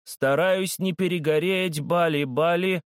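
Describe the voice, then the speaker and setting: A man voicing a creaky-voiced, dutiful robot schoolboy who slips into sing-song chanting. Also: medium pitch, animated, normal speed, dry recording, studio quality, voice pushed up, lightly acted. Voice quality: creaky, hoarse.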